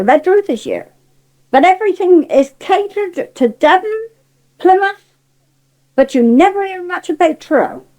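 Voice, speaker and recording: This older woman from Cornwall, England, has a Cornish accent and a voice that sits high with a darkish tone. Being interviewed, she airs her opinions in an emphatic, forthright, indignant way, and the recording quality is low.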